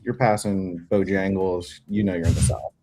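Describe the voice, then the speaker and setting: A man with a somewhat low voice bantering playfully on a live trading stream. He also reads questions from viewers. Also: fairly even intonation, normal speed, mellow, faint music behind. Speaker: trading co-host.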